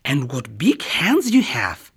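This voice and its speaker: A storyteller voicing a trusting little girl who asks small, hushed, half-whispered questions. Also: medium pitch, huge pitch swings, unhurried, husky, heavily acted. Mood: wondering, hushed. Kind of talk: storybook read-aloud.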